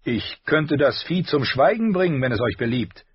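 Rasping sneering warrior guard, as a reader puts him on, husky and lively. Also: male voice, mid-range voice, moderate pace, no room sound, lo-fi sound, pitched above the performer's own voice. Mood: gruff. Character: rasping, mocking huge male bodyguard warrior.

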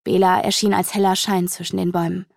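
A woman narrating a dark fantasy audiobook in a measured storytelling manner, slowing down for the tense moments. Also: lowish voice, flat delivery, creaky, no room sound, studio quality. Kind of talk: dramatic fantasy audiobook reading.

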